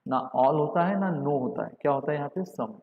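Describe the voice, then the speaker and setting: A man with an Indian accent giving a live online lecture, switching between Hindi and English, reading statements out slowly and calling on students by name. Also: a little high, expressive, reverberant, long reverb tail, phone-quality sound. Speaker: online teacher.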